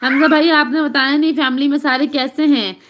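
High-voiced Pakistani woman hosting a live stream. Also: fairly even intonation, fairly quick, slight background noise. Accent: Pakistani Urdu. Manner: greets viewers by name, chatty and warm. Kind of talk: casual live-stream chat reading comments. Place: home, indoors. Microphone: phone on tripod.

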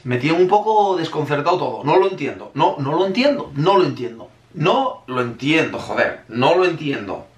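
A man's voice: on the high side, very animated, normal speed. A man giving a sarcastic football opinion rant, with heavy swearing. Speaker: football fan vlogger. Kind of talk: ranting match opinion. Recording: roomy echo.

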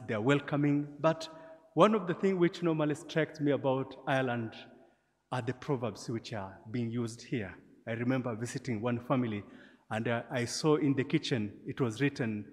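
A man, a priest leading Mass in a measured, gentle way, his voice ringing with cathedral-like church echo. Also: mid-range voice. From Tanzania. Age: 40s. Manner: gentle, measured liturgical delivery with light humor. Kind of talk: celebrating Mass. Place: large church. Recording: long church hall reverb.

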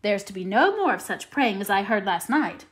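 A woman voicing a stern, practical older female guardian in an audiobook, brisk and matter-of-fact. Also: medium pitch, big pitch swings, lightly acted. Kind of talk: audiobook character voice.

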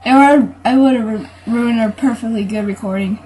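Excitable high-voiced gamer girl, noisy room. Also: fairly quick. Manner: excitable, frightened, yelling when chased. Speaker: gamer playing a horror game. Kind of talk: casual let's-play commentary.

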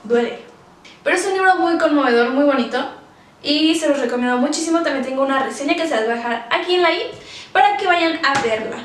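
High-voiced woman chatting about books in an echoey room. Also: lively intonation, fast talker, slight background noise. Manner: chatty and emotional, many fillers. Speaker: book vlogger. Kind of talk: casual book review vlog. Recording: roomy, distant from the mic.

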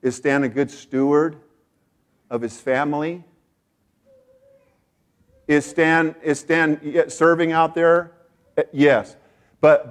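American pastor guy preaching, kinda high voice, repeats himself a lot, goes quiet then gets loud and fired up. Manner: animated, repeats phrases for emphasis; swings from hushed asides to loud excited peaks. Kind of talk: sermon.

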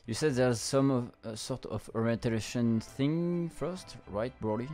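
Taking it slowly in a mid-range, darkish voice, a young streamer hosting a let's play offers casual commentary into a close mic. He reads game text and translates it on the fly, informally and with some stumbling. Game music runs behind him.

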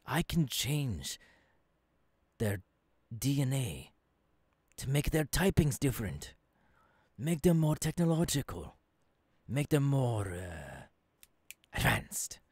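An earnest futurist professor, acted by a man, guides an apprentice in an intimate ASMR roleplay. His husky voice moves slowly in halting phrases and swings widely between hushed lows and emphatic rises. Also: big pitch swings, dry recording, full character voice. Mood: eager, instructing. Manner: slow, deliberate, halting phrases dropping into whispers. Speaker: voice actor. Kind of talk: ASMR audio roleplay, intimate second-person monologue. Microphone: close microphone, dry.

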